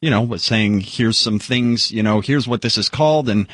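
A man's voice: on the low side, normal speed, no echo. A man with a lateral lisp that turns his s sounds slushy, talking candidly on air as a radio newsman. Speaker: radio newsman, guest on the show.

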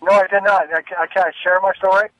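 This is an older man phoning in to a talk show from his speakerphone. The sound is dry and tinny, as if the phone line cuts out the highs and lows. His voice sits a little high, and he talks haltingly, going back to repeat his words. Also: little pitch movement, no room sound. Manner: halting, restarts and repeats himself. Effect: caller on a speakerphone over a phone line. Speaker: caller. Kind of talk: call-in to a radio talk show.

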